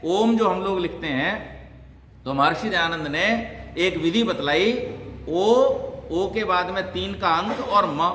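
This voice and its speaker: Male pandit, poses and answers his own questions; high-pitched, long hall reverb. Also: pushed and bright, slight background noise. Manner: explains by asking and answering his own questions, demonstrates sounds. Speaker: Sanskrit teacher and pandit. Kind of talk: religious teaching talk.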